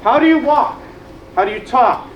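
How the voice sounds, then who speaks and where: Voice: high voice, animated, moderate pace, lo-fi sound. A panel host at a fan convention, talking to a live audience in a playful, teasing way and calling people up on stage. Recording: echoey room, faint noise.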